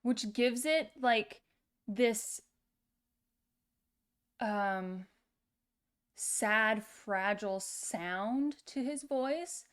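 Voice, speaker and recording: Slow, halting woman reacting to music. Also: a little high. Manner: searching for words, halting with many fillers. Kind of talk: casual reaction commentary.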